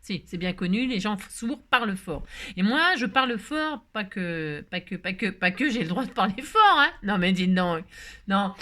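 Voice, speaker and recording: A middle-aged woman hosting a chatty crafting tutorial, talking loudly and joking with her viewers as she works. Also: mid-range voice. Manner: loud, playful, talks to viewers, jokes.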